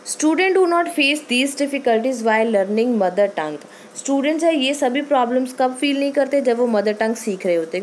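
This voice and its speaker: A woman teacher with a Punjabi accent giving a lecture on English pronunciation, reading English lines slowly and explaining them quickly in Hindi. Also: fairly high pitch, a little mellow, slight background noise.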